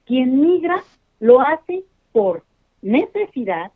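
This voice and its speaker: A woman's voice: high-pitched, sing-song, slow. A woman speaking as an expert guest in a phone-in interview, emphatic and explanatory, talking straight to the listeners. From Mexico. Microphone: telephone. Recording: tinny phone line.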